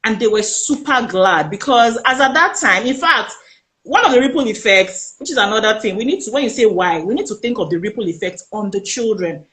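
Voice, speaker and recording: A woman with a Nigerian accent recounts her own story as an interview guest. Her voice sits fairly high, and she tells it with lively emphasis, slipping into the voices of the people she quotes. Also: brisk, roomy sound. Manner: animated, emphatic retelling that acts out quoted speech.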